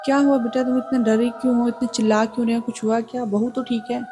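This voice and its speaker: A woman's voice: on the high side, little pitch movement, fast, lightly acted. A woman voicing an anxious middle-aged mother-in-law asking concerned questions. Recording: music playing behind the voice.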